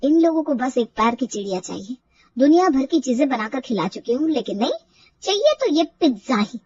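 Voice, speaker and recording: A woman's voice: sits high, sing-song, normal speed, a little mellow, breathy edge, no echo, recorded from a distance, muffled recording, full character voice. A woman voicing a young bride in a cartoon story, complaining in an exasperated, stubborn way.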